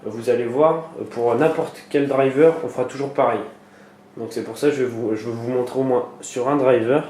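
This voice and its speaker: A man's voice: medium pitch, fairly even intonation, normal speed, darkish tone. A man talking through a computer tutorial as he works on screen, hesitant and full of fillers and restarts. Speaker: tutorial maker. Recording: echoey room with faint noise.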